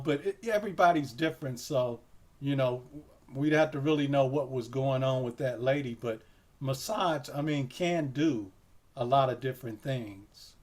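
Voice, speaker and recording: A man's voice: medium pitch, darkish tone. A man hosting an interview, talking casually in a rambling way with many "you know"s and speaking directly to his viewers. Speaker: host.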